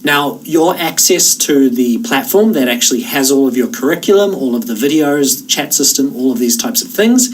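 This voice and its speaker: A man with a Kiwi accent talks students through an online course in an easy, chatty way, now and then pausing on an "uh". His voice sits at an ordinary middle pitch. He sounds set back from the microphone, with a faint hum of noise behind him. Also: far from the mic, poor audio. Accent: New Zealand. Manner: relaxed, conversational, with frequent "uh" fillers. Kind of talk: course orientation talk to camera.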